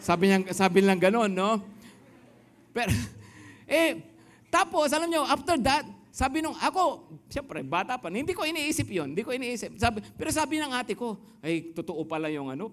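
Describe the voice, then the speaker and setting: A man in his thirties with a high voice for a man preaches a sermon in church. He tells personal stories in a lively way and keeps calling questions out to the congregation, switching between Tagalog and English. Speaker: pastor.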